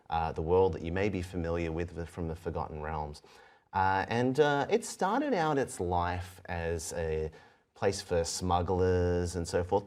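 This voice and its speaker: A man narrating a tabletop game as game master, telling the story in a halting, conversational way. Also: low-pitched, darkish tone.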